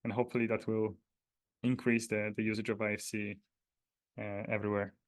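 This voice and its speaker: In an informal walkthrough of a data dictionary, a Polish man with a Polish accent explains things hesitantly. He speaks briskly in a lowish voice with flat delivery.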